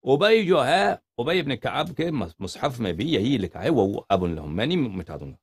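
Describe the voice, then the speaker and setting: A man's voice: medium pitch, big pitch swings, husky. A man giving an informal religious lecture, explaining Arabic hadith and asking rhetorical questions. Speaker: religious preacher.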